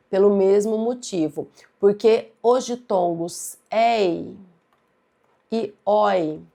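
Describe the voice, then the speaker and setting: A woman's voice: medium pitch, gravelly, darkish tone. A Brazilian woman teaching an exam-prep grammar lesson, stressing and repeating key words as she explains each answer. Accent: Brazilian Portuguese.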